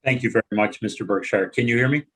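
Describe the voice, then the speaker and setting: A man addresses a planning commission over a video call in a middle-pitched voice. He is courteous and formal, and his speech is full of fillers. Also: quick pace, a bit bright, poor audio. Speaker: attorney for the applicant. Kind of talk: formal presentation.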